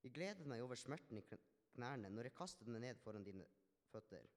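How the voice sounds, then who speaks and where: A man's voice: medium pitch, animated, close to an everyday voice. A man playing a healed Samaritan leper, earnest, in a ringing hall. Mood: grateful. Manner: earnest, reflective storytelling with small restarts. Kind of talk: dramatic first-person monologue. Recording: long hall reverb.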